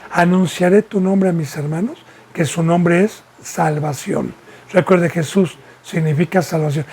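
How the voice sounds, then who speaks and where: Male pastor, husky voice, teaching sermon full of rhetorical questions. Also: high-pitched, a little mellow. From Mexico. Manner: preaching with repeated rhetorical questions.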